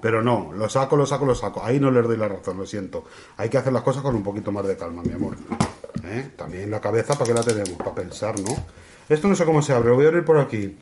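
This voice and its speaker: A man's voice: on the low side, animated, fast, background noise. A man from Spain co-hosting a podcast, talking in camp, joking banter with big theatrical exclamations. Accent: Spanish from Spain. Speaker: podcast co-host.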